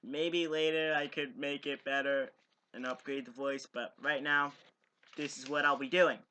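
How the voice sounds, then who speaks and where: A man casually reading a novel aloud for his channel, halting and stumbling over words, chatty and giggly between passages. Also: medium pitch, steady tone, bright, forceful tone, slight background noise. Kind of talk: casual amateur read-through.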